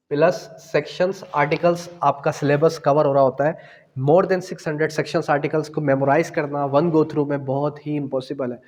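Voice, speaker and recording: A man with a Pakistani accent, working as a law exam tutor, has a fairly high but darkish voice. He teaches exam students by posing and answering his own questions, with English phrases mixed in, in a recording with long hall-like reverb.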